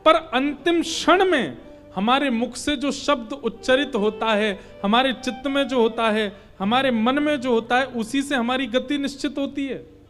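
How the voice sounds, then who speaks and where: A man's voice: extremely high pitch, unhurried, fairly bright tone. A man giving a devotional sermon as a preacher, emphatic and rising into fervent appeals. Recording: faint instrumental music behind.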